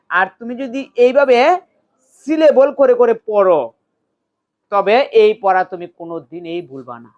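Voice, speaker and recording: A woman teacher giving a classroom lesson, explaining patiently and spelling words out letter by letter, drawing them out slowly. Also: mid-range voice. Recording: dull lo-fi recording.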